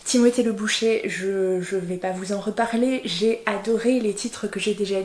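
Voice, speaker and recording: A woman chatting casually about her reading list as a book vlogger, rambling with lots of fillers and quick self-corrections. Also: medium pitch, a little mellow, echoey room, a little hiss or hum.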